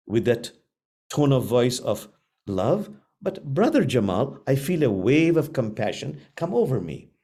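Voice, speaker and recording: A middle-aged man leads a spiritual class in a mellow, warm voice. His pitch rises and falls in a lively way, and he talks slowly and earnestly, repeating phrases with long pauses between them. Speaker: spiritual teacher. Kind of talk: gentle spiritual class talk.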